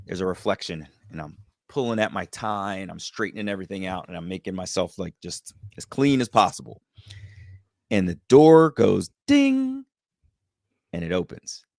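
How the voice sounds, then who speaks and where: A man telling a personal story as a podcast guest, lively and acting out the voices of the people in it. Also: deep voice, normal speed, creaky, no echo, clean studio sound. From United States. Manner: animated, acts out quoted voices. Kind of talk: storytelling in a casual interview.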